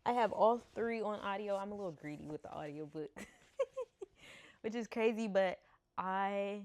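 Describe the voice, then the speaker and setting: This book vlogger, an American woman in her thirties, speaks a little slowly in a medium-pitched, darkish voice. She chats casually at home into a camera mic, laughing a lot and tripping over names.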